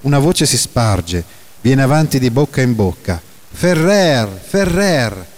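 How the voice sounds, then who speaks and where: A man narrating a classic novel in a measured, dramatic reading that slows down for emphasis. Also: mid-range voice, animated, darkish tone.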